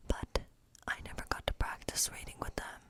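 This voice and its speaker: In this ASMR fantasy role play, a woman takes on the part of a lonely witch who is friendly and playful and lives in a cottage in the woods. She whispers breathily, coaxing the listener in a slow, gentle, soothing way.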